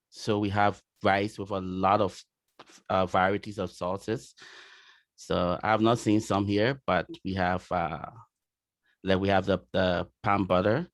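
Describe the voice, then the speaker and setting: A man from Liberia with a Liberian accent, speaking as an interview guest in casual talk, often pausing with "you know". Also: fairly low pitch, no echo, clean studio sound. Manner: warm-hearted, many fillers like "you know".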